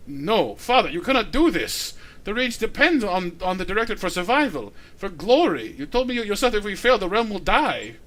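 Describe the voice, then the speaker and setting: A woman's voice: medium pitch, big pitch swings, fairly quick, hardly any pauses, fairly bright tone. Fierce defiant warrior girl in a game, intense and proud. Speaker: game character.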